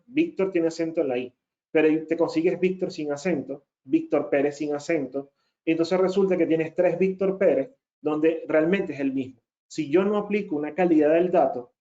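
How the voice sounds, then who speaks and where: A man's voice: fairly high pitch, warm tone. A man giving a technical webinar presentation as a data consultant, explaining step by step and often checking in with his listeners. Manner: emphatic repeated denials. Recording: muffled lo-fi audio.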